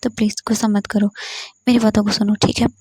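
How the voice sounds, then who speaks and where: A woman's voice: medium pitch, flat delivery, quick pace, darkish tone, slightly rough, no echo. A woman voicing a patient young man who pleads and soothes his angry partner. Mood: pleading.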